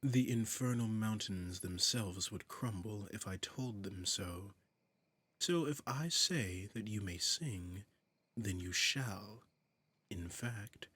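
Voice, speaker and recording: A man acts out a commanding, flirtatious demon prince for an intimate audio drama, his voice silky, imperious and teasing, breathy and frequently dropping to a whisper. The pitch is fairly low and the tone fairly bright, and his unhurried delivery is heavily acted.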